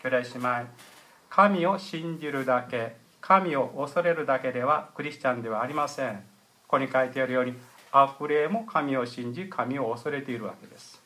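A middle-aged man preaching a sermon as pastor, explaining in a measured way with frequent hesitation fillers. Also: mid-range voice, sharp tone.

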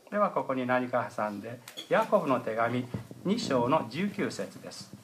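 A middle-aged man preaching a sermon as pastor, explaining in a measured way with frequent hesitation fillers. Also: medium pitch, a bit bright, a little hiss or hum.

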